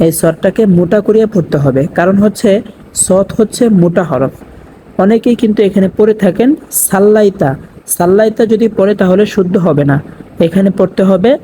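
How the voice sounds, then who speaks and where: A woman teaching Quran recitation rules to viewers. She spells out each letter and vowel mark, then recites the word slowly, stretching its sounds, and explains the rules in between. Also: on the low side, dark tone, slight background noise, poor audio. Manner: addresses viewers directly and checks understanding. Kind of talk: tajweed lesson with spelled-out recitation.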